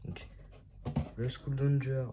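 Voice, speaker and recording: A man's voice: mid-range voice, level tone, takes it slowly, noisy background. A man hosting a casual unboxing vlog, talking in a chatty and enthusiastic way. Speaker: YouTube host.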